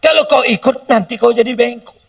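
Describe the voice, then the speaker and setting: A man's voice: very high-pitched, fairly quick, far from the mic. A man preaching a humorous sermon, often acting out short dialogues between people. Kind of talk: sermon with question and answer.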